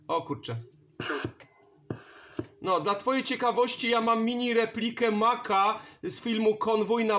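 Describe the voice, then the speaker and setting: This is a man whose voice sits high with a slightly bright quality. Acting as CB radio operator and channel host, he keeps up a casual, friendly contact chat from an indoor home radio station.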